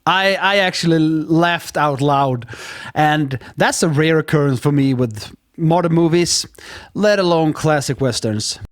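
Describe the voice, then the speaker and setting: A man's voice: a little high, unhurried. A man giving a playful, self-mocking film review who often trips over his words. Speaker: movie reviewer. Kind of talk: scripted film review with jokes.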